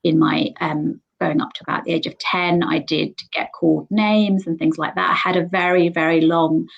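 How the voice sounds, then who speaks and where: A woman's voice: fairly low pitch, steady tone, moderate pace, gravelly, dull audio. Upbeat woman hosting a live webinar. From Sri Lanka, raised in England. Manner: chatty, upbeat, many ums. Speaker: host.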